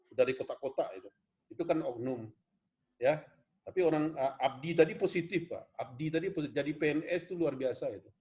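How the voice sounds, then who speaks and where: A man from West Sumatra, Indonesia, lectures in an online class over a video call, earnest and rambling. He often addresses students as "Pak" and has a mid-range voice with a darkish tone.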